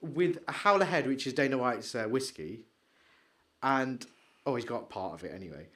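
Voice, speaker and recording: A man co-hosting a podcast, chatting excitably and rambling, trailing off into mumbles while he searches. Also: mid-range voice, normal speed. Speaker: podcast co-host. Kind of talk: casual chat.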